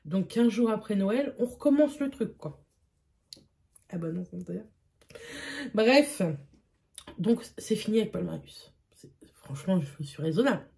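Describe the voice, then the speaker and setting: A woman's voice: mid-range voice, lively intonation, normal speed, mellow. A young woman chatting casually as a beauty vlogger, with frequent fillers and repeated words. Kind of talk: casual vlog chat.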